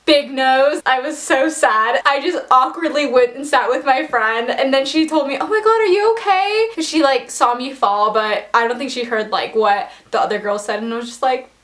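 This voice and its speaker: Young woman w a high voice doing a storytime vlog, says like a lot, pokes fun at herself. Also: moderate pace, hardly any pauses, fairly bright tone. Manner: chatty, filler-heavy with lots of "like"; self-deprecating. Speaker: vlogger.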